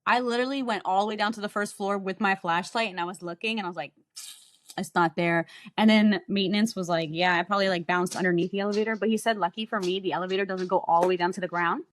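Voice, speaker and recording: A woman's voice: medium pitch, fairly even intonation, quick pace. A young adult woman co-hosting a podcast, telling rambling stories in casual chat and swearing freely. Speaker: podcast co-host.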